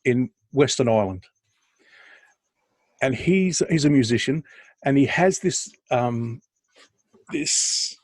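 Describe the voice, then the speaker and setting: A man's voice: medium pitch, darkish tone, dry recording. A man, co-hosting a podcast in a casual chat over a video call. He tells stories in a chatty, self-deprecating way and laughs often. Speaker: podcast co-host.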